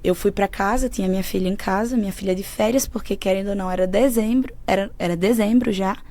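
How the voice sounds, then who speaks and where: A woman, a podcast guest who shares a personal faith story in an earnest, emotional way that often goes soft. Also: mid-range voice, fast. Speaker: podcast guest, mentor of women. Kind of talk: personal faith testimony in conversation.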